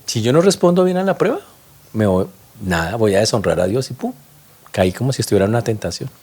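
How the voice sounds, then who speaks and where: Male pastor, lively swooping delivery, emphatic sermon, talks straight to the congregation. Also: fairly low pitch, fast talker, slightly rough. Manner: animated, emphatic preaching with sound-effect interjections; addresses congregation directly with questions.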